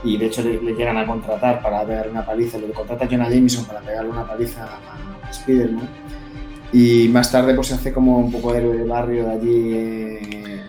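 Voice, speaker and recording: A man's voice: mid-range voice, flat delivery, brisk, warm tone. A man, co-hosting a casual podcast chat about comics and telling stories about them with enthusiasm. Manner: enthusiastic, storytelling. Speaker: podcast co-host. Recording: echoey room with faint music.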